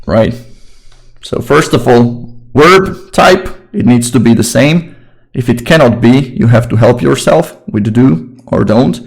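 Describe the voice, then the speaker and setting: A man's voice: mid-range voice, a little slow, gravelly, low-quality recording. Casual young man teaching grammar. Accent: Slovak. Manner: relaxed, informal and chatty, repeats phrases. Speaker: English teacher. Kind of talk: casual online grammar lesson.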